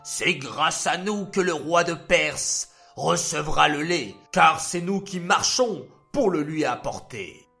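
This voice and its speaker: The legs of a body in a storybook, proudly bragging in a slow, plain voice, as a man puts them on. It sounds a little distant. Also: a little high, lively intonation, creaky, pushed and bright, faint music behind, full character voice.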